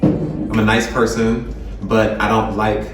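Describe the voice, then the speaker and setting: A man's voice: fairly low pitch, level tone, slow pace, over music. A man of thirty introducing himself as a tennis instructor, earnest and plain-spoken. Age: 30s. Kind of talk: casual self-introduction. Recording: echoey room, distant mic.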